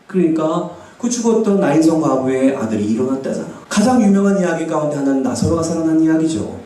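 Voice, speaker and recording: Animated man preaching in an echoey church. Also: fairly high pitch, fast. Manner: animated, asks the congregation questions and acts out quoted speech. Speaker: pastor. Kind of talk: sermon. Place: church sanctuary. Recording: echoey church hall, distant mic.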